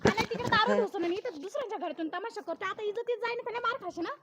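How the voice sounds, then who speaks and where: A woman acting a sharp-tongued young village wife, scolding with quick retorts. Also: extremely high pitch. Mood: irritated.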